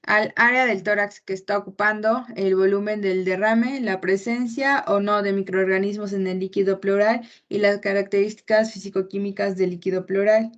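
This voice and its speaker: A young woman giving a medical class presentation, explaining in a measured way with frequent pauses and fillers. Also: mid-range voice, steady tone. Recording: muffled lo-fi recording.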